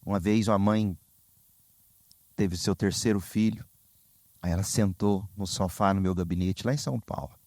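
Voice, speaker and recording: A Brazilian man preaching a sermon as pastor, telling stories with lively, sudden high exclamations. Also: normal speed, pauses often, dry recording. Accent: Brazilian Portuguese. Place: church sanctuary.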